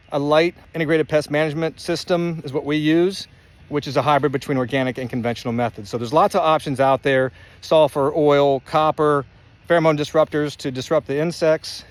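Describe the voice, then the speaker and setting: A man who farms an orchard, giving practical, down-to-earth advice on caring for fruit trees while standing outdoors among them. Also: a little high. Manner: plain-spoken, down-to-earth. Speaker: orchard farmer.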